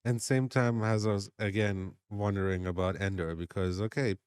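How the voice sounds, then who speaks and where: A man's voice: lowish voice, steady tone, moderate pace, a little mellow, smooth, no room sound, clean studio sound. A man co-hosting a podcast, chatting about a TV episode in a laid-back, joking way. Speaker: podcast co-host. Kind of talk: casual recap chat.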